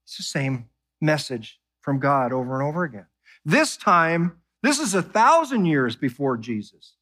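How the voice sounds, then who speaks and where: A man preaching a sermon, who keeps asking his listeners questions and reads scripture slowly and softly. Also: on the high side, breathy edge. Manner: animated preaching, asks the congregation questions. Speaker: pastor.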